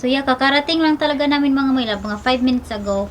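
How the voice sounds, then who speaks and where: A woman from the Philippines vlogs casually outdoors at home in the evening, mixing in English and now and then cooing at her dog. She has a high voice and talks fast, with a little hiss or hum in the audio.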